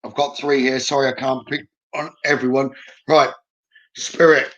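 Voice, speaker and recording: A man's voice: medium pitch, little pitch movement, normal speed, a bit bright, muffled recording. A man working as a medium on a live stream, calling out short, repeated questions and instructions to spirits and viewers.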